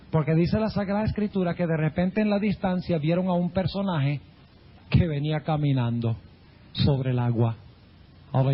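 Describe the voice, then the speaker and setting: Husky, high-pitched man preaching dramatically. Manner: dramatic preaching, swooping pitch, acts out quoted voices. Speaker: pastor. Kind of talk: sermon. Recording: dull lo-fi recording.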